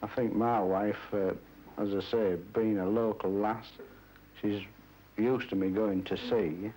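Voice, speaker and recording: A man's voice: lowish voice, steady tone, unhurried, dark tone. A man, a lifeboat crewman, in casual conversation. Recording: faintly noisy old film sound.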